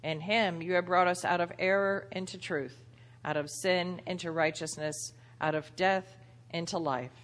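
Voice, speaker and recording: A woman celebrant intoning a Eucharistic prayer in a measured, solemn way, her voice carrying a long church echo. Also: fairly low pitch, steady tone. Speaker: celebrant leading a Eucharist service. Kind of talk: liturgical prayer recitation.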